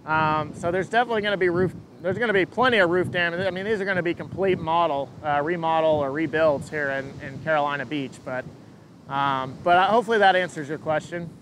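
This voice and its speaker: A man giving an unscripted live weather update as a forecaster, answering questions in a halting way and repeating words as he thinks. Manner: hesitant, halting, repeats words mid-thought. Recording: engine rumble and wind noise.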